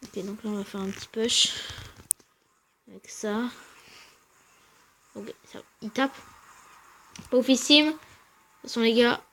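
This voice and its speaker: A woman giving casual, slangy commentary over her own gameplay, talking quietly and then shouting at big wins and losses. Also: on the high side, unhurried, long pauses. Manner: speaks quietly between outbursts. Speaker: gaming channel host.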